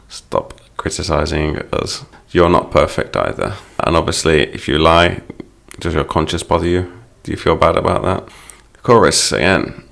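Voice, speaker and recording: A man's voice: a bass voice, gravelly, fairly bright tone. A man teaching English by explaining song lyrics line by line, in a patient, explanatory manner.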